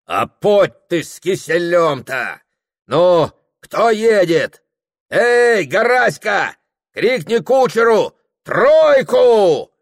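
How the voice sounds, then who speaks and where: A man voicing a loud, reckless drunken merchant host who shouts and boasts at a feast. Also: lowish voice, sing-song, very slow, creaky, slightly rough, heavily acted. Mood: rowdy drunken.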